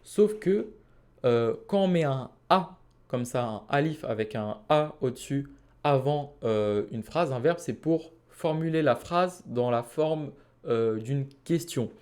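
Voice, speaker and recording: A man teaching a Quranic Arabic lesson, patiently explaining and reciting Arabic phrases slowly. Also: mid-range voice, animated, darkish tone, clear, resonant tone.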